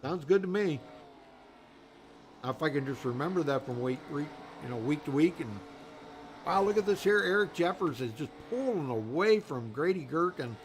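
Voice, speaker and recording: A man's voice: on the high side, expressive, normal speed, a little hiss or hum. A man doing live race commentary in a rambling, folksy way, full of fillers. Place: commentary booth at a racetrack.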